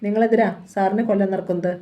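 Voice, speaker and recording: A woman's voice: medium pitch, steady tone, racing, mellow, muffled recording, natural voice. A woman voicing a frightened young woman who works as a casino dealer, in a read-aloud crime novel, pleading and fearful. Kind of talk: audiobook novel reading.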